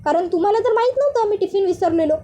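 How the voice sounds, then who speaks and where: A woman's voice: extremely high pitch, expressive, fast, mellow. A woman voicing a short-tempered young male office boss in a retold serial, talking in a scolding, hot-headed way. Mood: worried.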